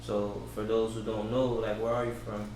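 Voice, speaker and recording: A man hosting a casual interview, relaxed and encouraging, who keeps repeating short affirmations. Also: fairly low pitch, moderate pace. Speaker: interviewer, host. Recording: echoey room, mic far off, background hum.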